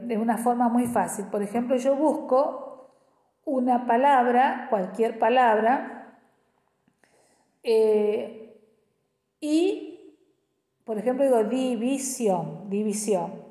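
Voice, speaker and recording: Woman educational psychologist, patient step-by-step explainer, mellow tone, echoey recording. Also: fairly high pitch. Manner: explains step by step, often checks in with "¿sí?". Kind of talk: explanatory teaching talk. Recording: echoey room with long reverb.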